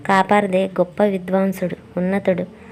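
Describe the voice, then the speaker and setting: A woman narrating a devotional story in a calm, steady reading manner. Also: medium pitch, normal speed, faint music behind.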